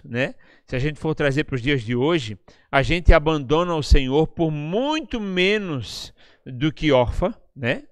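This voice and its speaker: A man's voice: a little high, no room sound, studio quality. A man with a Brazilian Portuguese accent preaching a sermon in a conversational, teaching way, often checking in with his listeners. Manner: chatty, tags lines with questions to the listeners. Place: church service, live-streamed.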